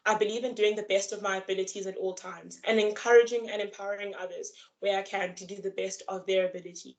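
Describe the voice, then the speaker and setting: A young woman on a video call, reading her prepared campaign speech in an earnest, formal way. Her pitch sits mid-range for a woman, and her pace is steady and measured. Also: dull audio. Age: young adult. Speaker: student election candidate.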